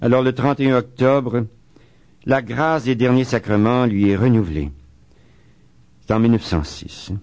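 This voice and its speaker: Man giving a calm spiritual talk. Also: medium pitch, dry recording. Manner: reads quoted writings slowly and solemnly, adds chatty asides. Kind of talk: spiritual talk on a saint's life.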